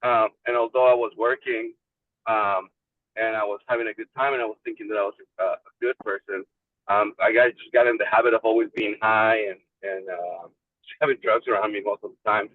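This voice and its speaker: A Mexican man calls in over his car's speakerphone while driving, sharing a personal story candidly and loosely as a support group member. His voice is lowish and steady, and he talks fairly quickly. The phone line sounds tinny with a distant in-car mic, though there's no room sound.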